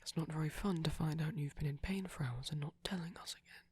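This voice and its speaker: In a soft-spoken romantic ASMR roleplay, a woman plays a gentle, doting vampire boyfriend, tender and lightly teasing, often whispering close to the microphone in a mood of gentle reassurance. Her voice is husky and medium-pitched, and she speaks fast.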